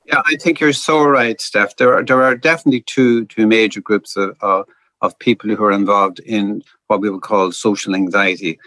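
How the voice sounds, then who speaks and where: A man's voice: on the low side, steady tone, normal speed, bright, forceful tone, no echo. Hesitant man answering interview questions. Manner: hesitant, many "uh"s and repeated words. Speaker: doctor, podcast guest.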